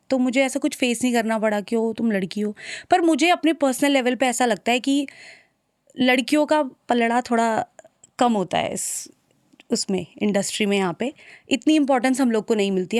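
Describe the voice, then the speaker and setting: A young woman from Uttarakhand, a singer, talking softly and a little hesitantly as an interview guest. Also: on the high side, no room sound, studio quality. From Uttarakhand, India. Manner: soft-spoken, shy, hesitant. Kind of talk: casual interview conversation.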